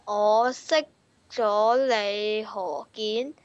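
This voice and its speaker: A woman's voice: medium pitch, fairly even intonation, drawn-out words, no room sound, lo-fi sound. A young woman with a Hong Kong Cantonese accent, chatting casually and playfully as the host of a challenge vlog, using plenty of informal slang. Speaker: video host.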